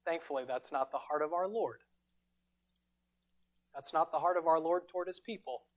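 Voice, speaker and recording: A man preaching a sermon as pastor, retelling a scripture story with dramatic emphasis and deliberate pauses. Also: on the high side, dull audio. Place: church sanctuary.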